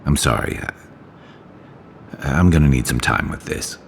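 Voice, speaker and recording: An actor playing a weary, guilt-ridden male veteran mercenary in a video game, speaking in a halting, confessional way. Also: extremely low pitch, expressive, gravelly, exaggerated voice. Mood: somber. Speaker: companion character. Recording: game audio with long reverb and faint noise.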